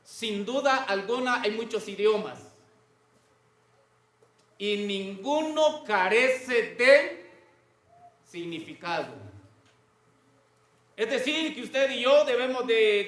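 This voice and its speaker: A man's voice: very high-pitched, expressive, slow pace, long pauses, fairly bright tone, roomy sound. A man preaching a sermon to a congregation, often stopping to ask them questions.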